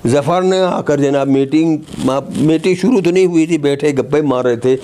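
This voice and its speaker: A man's voice: on the high side, moderate pace, dark tone. An older man with a Pakistani Urdu accent recounting an anecdote, peppering his speech with honorific fillers. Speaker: storyteller.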